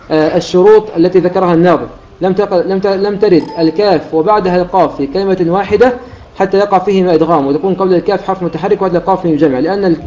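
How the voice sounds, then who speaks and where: A man teaching the rules of Quran recitation, explaining a classical poem line by line and slowing down to recite the examples. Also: sits high, darkish tone. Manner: explanatory, quotes verses in a slow chanted delivery. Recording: dull lo-fi recording.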